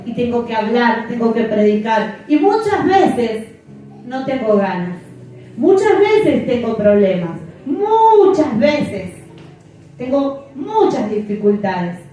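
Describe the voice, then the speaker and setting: A woman's voice: on the high side, big pitch swings, slow, warm tone, muffled recording, a little hiss or hum. A middle-aged woman pastor preaching a sermon, emphatic and repeating phrases for effect. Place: church. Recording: echoey church from far off.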